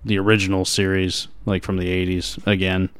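A man's voice: sits low, little pitch movement, brisk, clean tone, dry recording. A man from the United States in a casual podcast chat, laid-back and a bit hesitant.

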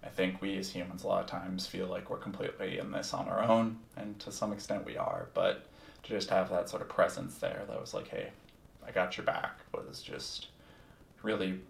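A man's voice: deep voice, vocal fry. A man telling a personal story in a casual, candid way. He is reflective, swears freely and uses plenty of ums. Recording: echoey room, distant from the mic.

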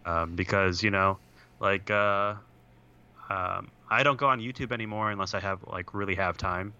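A man's voice: low voice, steady tone, moderate pace, pushed and bright, clear, resonant tone, dull audio. A young man on a podcast, talking over a video call that keeps breaking up. He rambles with lots of "like" and "uh". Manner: rambling, full of "like" and "uh". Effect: video call audio that breaks up. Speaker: podcast co-host. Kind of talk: casual chat. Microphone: computer on a video call.

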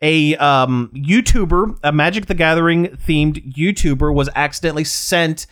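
A man with a somewhat high voice co-hosts a podcast in a relaxed chat. He rambles and restarts his sentences as he goes. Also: moderate pace. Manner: rambling, restarts, reads aloud. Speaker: podcast co-host. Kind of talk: casual chat.

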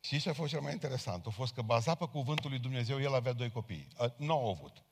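With a medium-pitched, expressive, slightly rough voice, a man preaches as a Pentecostal pastor. His sermon is fervent and directly addresses the congregation, heard through a long hall reverb.

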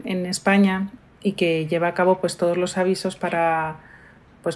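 A woman from Spain with a Madrid accent, a guest in an interview, talking casually and thinking aloud with many fillers. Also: on the low side. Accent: Madrid Spanish.

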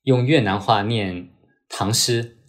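Low-pitched Chaoshan man, podcast guest. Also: slow. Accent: Chaoshan (Teochew). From Chaoshan, southern China. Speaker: guest, novelist. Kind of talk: casual conversational interview.

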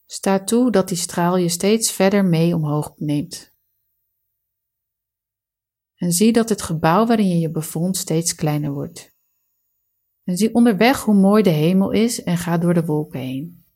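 A woman leading a guided relaxation meditation, giving calm, soothing, measured instructions. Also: on the low side.

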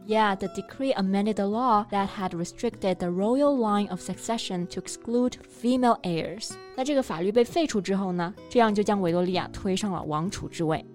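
Mid-pitched woman co-teaching English. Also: normal speed, few pauses. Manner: affirming, adds example sentences. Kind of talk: bilingual language lesson. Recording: faint music underneath.

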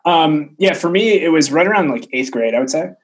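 A man's voice: on the high side, expressive, a little fast, slightly rough, low-quality recording. A man in his thirties, an interview guest telling casual stories with asides and frequent checks on the listener. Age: 30s. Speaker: interview guest, tech entrepreneur.

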